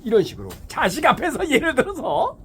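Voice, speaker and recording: A man hosting a morning talk show in a casual opinion monologue, animated and rhetorical, often asking his listeners "eh?" and acting out other people's voices. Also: extremely high pitch, a little fast, slight background noise. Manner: acts out quoted voices.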